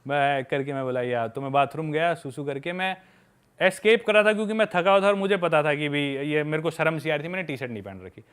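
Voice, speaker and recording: A man's voice: a little high, fast talker, a bit bright, smooth. A young man casually telling candid travel stories as a podcast guest. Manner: candid, chatty anecdotal storytelling. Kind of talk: casual storytelling chat.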